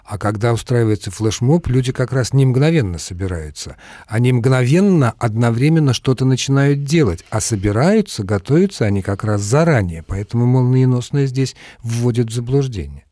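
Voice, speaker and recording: A man with a mellow, darker voice, explaining pronunciation and usage in a measured, lecturing manner. The studio sound is dry and close, with no room around it. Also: mid-range voice, animated, no room sound. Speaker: language expert on a radio call-in show. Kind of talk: explanatory radio talk.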